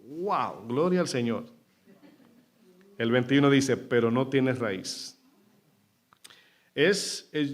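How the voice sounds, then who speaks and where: A male pastor preaching a sermon to a congregation, asking questions and answering them himself. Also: medium pitch. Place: church.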